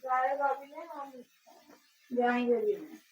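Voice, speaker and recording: A woman's voice: high voice, unhurried, a little hiss or hum. A woman in her thirties narrating a casual cooking vlog from her home kitchen, chatty and scolding her children in between. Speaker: cooking vlogger and mother.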